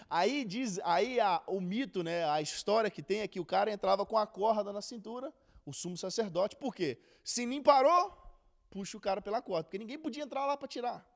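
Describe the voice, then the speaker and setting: This Bible teacher's voice sits high and carries some vocal fry, moving at a moderate pace. His lesson is casual and chatty, and he animatedly acts out quotes with laughter.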